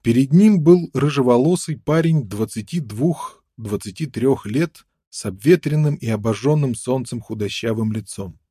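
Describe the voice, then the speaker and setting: Male audiobook narrator, measured dramatic reading, mellow tone, dry close sound. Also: mid-range voice, lively intonation, slightly rough, no echo. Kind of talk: scripted narration.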